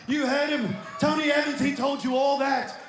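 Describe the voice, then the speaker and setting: A man voicing a mocking, boastful brawler in a put-on Scottish accent, shouting a ring promo. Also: very high voice, little pitch movement, moderate pace. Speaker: wrestler on the ring mic. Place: wrestling arena. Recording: echoey arena with loud music.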